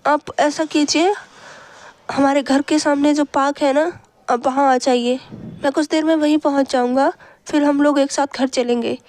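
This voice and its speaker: A woman voicing a caring, protective young man in a read-aloud story, reassuring in a hurried way. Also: high voice, steady tone, a little mellow, dry recording, close to an everyday voice. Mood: caring urgent. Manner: soothing yet hurried, many quick questions. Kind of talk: storybook reading.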